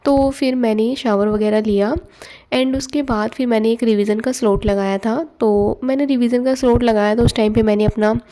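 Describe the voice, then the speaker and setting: At home, a young woman preparing for exams vlogs about her study day in a fairly high, steady, mellow voice at normal speed. Her talk is chatty and loose, a Hindi-English mix sprinkled with fillers and English words.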